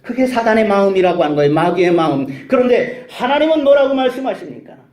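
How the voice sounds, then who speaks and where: Male pastor, sermon, high lively voice, rhetorical questions, echoey church sanctuary. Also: fast talker. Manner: emphatic preaching with rhetorical questions and hallelujah calls.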